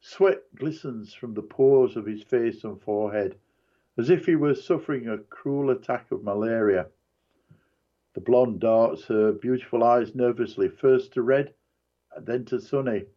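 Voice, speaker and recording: Male narrator, dramatic book reading, slow, deliberate, mid pitch, muffled lo-fi.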